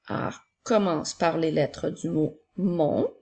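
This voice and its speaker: Woman teacher, children's dictation, fairly low voice, gravelly. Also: darkish tone. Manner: slow, clear dictation, repeating each word. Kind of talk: spelling and dictation lesson for young children.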